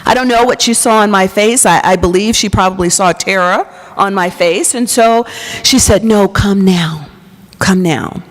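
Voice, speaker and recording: A woman pastor giving an earnest personal testimony to an audience, telling her story and dropping to a soft whisper at intimate moments. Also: mid-range voice, normal speed. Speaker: pastor and psychologist. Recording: long hall reverb.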